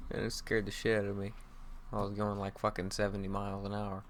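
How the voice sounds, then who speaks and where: A man's voice: on the low side, monotone, a little hiss or hum. A young man co-hosting a sports podcast, chatting bluntly and swearing freely. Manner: blunt, swears a lot, quick reactions. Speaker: podcast co-host. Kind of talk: casual sports chat.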